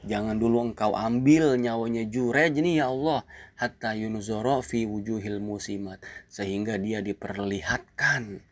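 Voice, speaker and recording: A man's voice: on the low side, unhurried, natural voice. A man voicing an aggrieved mother who calls for her son and later prays bitterly against him, in a storytelling lesson. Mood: bitter prayer. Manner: calling out, then praying bitterly.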